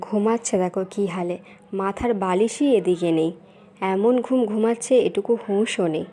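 A woman's voice: mid-range voice, normal speed, warm tone. A woman voicing a busy young housewife in a doll-play drama, nagging and scolding the household.

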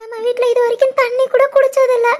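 A woman voicing a tender, emotional young pregnant village wife in an animated family drama, with a Tirunelveli Tamil accent and a soft, tearful way of talking. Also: extremely high pitch, fairly quick.

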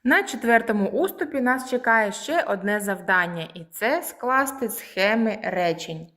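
A preschool teacher from Ukraine leading a lesson for small children, speaking slowly and clearly and drawing out the words. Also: female voice, on the high side, a bit bright.

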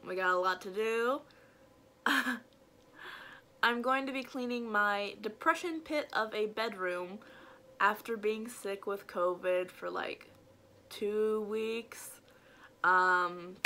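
A woman's voice: mid-range voice, sharp tone. A young woman chatting casually to camera as a vlogger, informal and self-deprecating, trailing off, her speech slightly thick as if from a swollen mouth. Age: young adult. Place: small bedroom, indoors. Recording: noisy home bedroom recording.

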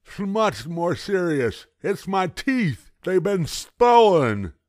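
Storybook role: a man doing a sorrowful toothless grandpa, high and strained, slow and mumbled, in a dry booth. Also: very animated, a little mellow, dry recording, full character voice. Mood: moaning. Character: toothless old grandfather, gloomy and suspicious. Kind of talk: storybook character voice.

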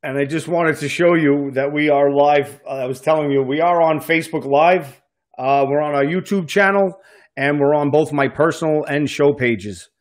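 Male host, Queens accent, fairly high voice, casual interview chat on a close desk mic. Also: moderate pace. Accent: Queens, New York. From Queens, New York. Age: middle-aged. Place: small indoor studio room, video call. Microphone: close desk microphone with headset.

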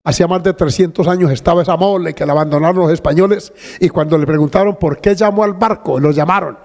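An older male pastor delivers a fervent sermon, his fairly high voice ringing out with praise and exclamations. A long reverb trails behind each phrase from the church hall he preaches in. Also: fast talker, darkish tone. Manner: fervent, exclamatory, interjects hallelujahs. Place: church sanctuary.

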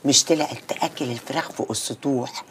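A woman's voice: a bass voice, quick pace, fairly bright tone, a little hiss or hum. Doting Egyptian mother. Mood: gossipy. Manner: doting, gossipy. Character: fussing older mother, gossipy and doting.

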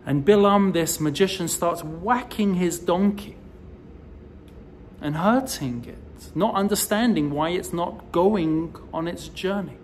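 A rabbi in his forties delivers a recorded sermon in a high voice, telling the story slowly and deliberately with emphatic rises. He is filmed indoors before a decorative wall, the phone or camera held close to his face in selfie framing, with slight background noise.

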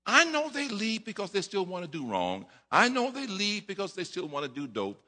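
A middle-aged man preaching a sermon at a lectern, acting out voices, repeating himself and rising to shouts. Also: high voice, huge pitch swings, normal speed. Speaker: pastor. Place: church sanctuary at a lectern. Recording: long reverb of a church hall.

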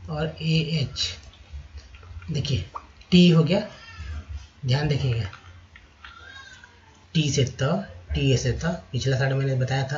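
A male teacher slowly reciting syllables one by one in a slide lesson, with a Hindi accent. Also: mid-range voice, a little mellow, slight background noise. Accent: Indian Hindi. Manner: slow, drawn-out syllable-by-syllable recitation. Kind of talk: slide-based spelling lesson. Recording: slightly muffled lo-fi recording.

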